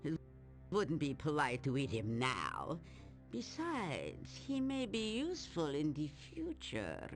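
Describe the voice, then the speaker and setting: Old man-eating witch for a fantasy game: slow, swooping, gleefully menacing, faint music underneath. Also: deep voice, wildly swooping pitch, full character voice. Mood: grudging, smug. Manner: theatrical, drawn-out, mock-sweet cackling delivery.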